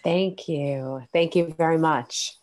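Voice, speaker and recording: A woman guest on a video call, nasal and congested from illness, talking slowly and reflectively about spiritual matters. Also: low-pitched. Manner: slow, reflective, soft-spoken. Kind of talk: spiritual talk in an interview.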